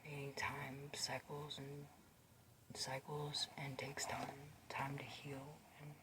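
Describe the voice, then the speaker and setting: Very low-voiced whispering woman. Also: flat delivery, heavy background noise. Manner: soft whispering, slow and reflective, gives gentle life advice; chews gum, blowing bubbles. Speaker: tarot or oracle card reader. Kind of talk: ASMR whispered card reading.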